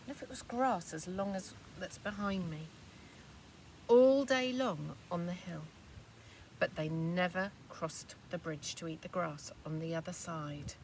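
A woman, a teacher reading a storybook aloud to children outdoors and inviting them to join in. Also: fairly low pitch. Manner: slow, expressive, asks children to join in. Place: outdoors by a grassy hill. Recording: far mic with outdoor traffic noise.

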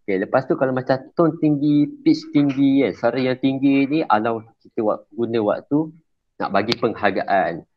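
A man's voice: medium pitch, normal speed, slight background noise. A man giving an informal workshop lecture to school prefects, chatty and often checking whether his listeners understand. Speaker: emcee trainer for school prefects. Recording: slightly dull lo-fi recording.

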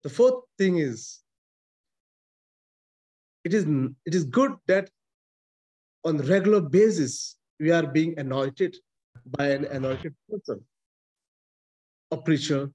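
Speaking slowly with long pauses, a priest in his forties preaches from a small chapel via video call, his fairly high voice darkish in tone and the audio poor. He has an Indian accent, English isn't his native language, and he's captured close up on a webcam. He preaches emphatically, gesturing, repeating, and restarting often.

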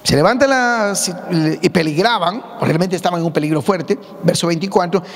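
Humorous preacher man with a gravelly high voice. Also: normal speed. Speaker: pastor. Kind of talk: sermon. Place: church sanctuary. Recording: long church hall reverb.

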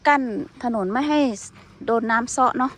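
A woman's voice: high-pitched, steady tone, normal speed, a bit bright. Chatty woman vlogging on an outdoor walk. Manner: chatty, addresses viewers often, apologetic. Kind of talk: casual walking tour commentary. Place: outdoors at a dam on a hot sunny day.

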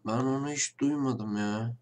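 A gaming channel host chats with viewers at his desk microphone during a casual let's-play, trading mock-tough banter through a blocked nose. His mid-range voice is unhurried and a little mellow. Faint game music, keyboard clicks and slight background noise sit behind him.

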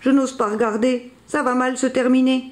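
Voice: sits high, level tone, normal speed, pitched above the performer's own voice, close to an everyday voice. A storyteller voicing Josette, a chatty friend who asks curious questions and frets aloud. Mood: worried. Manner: curious questions, worried asides. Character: chatty, fretful female friend.

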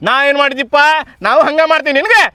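A man's voice: very high-pitched, animated, fast, pushed and bright, dry recording, full character voice. A man, playing a sulky neighbour friend who whines about being left out. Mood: whining. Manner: whining, aggrieved.

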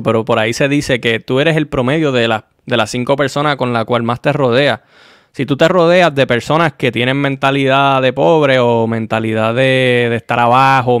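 A man, hosting a casual interview in a relaxed, measured way. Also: mid-range voice, clear, resonant tone, no room sound, studio quality. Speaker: interviewer, host. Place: home studio room. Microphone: desk microphone on boom.

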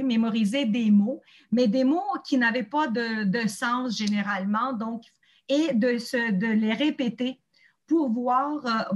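A woman with a somewhat high voice hosts an online gathering of teachers. She presents documents and ideas in an explanatory way and often stops to search for her words. She speaks over a video call. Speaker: host of a teachers' community meeting.

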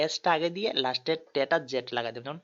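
A language tutor with a mid-range, slightly bright voice speaks rapid-fire in a tutorial, patiently spelling out letters one at a time. The recording sounds dull and lo-fi.

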